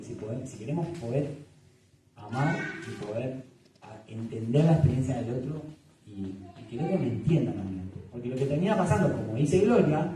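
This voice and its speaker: A man with a Rioplatense Spanish accent, a family psychologist leading a church workshop, talking in a lively way, joking and checking in with "¿sí?". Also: medium pitch, a little hiss or hum. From Argentina. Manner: animated, jokes and laughs, asks "¿sí?" often. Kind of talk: lively workshop talk with Bible story. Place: church hall. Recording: echoey church hall, mic far off.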